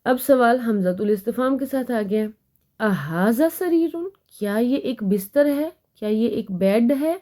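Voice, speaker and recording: A woman's voice: fairly high pitch, dark tone. Patient woman teaching Arabic grammar. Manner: patient explaining, reads Arabic examples slowly then translates. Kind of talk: Urdu-language Arabic grammar lesson.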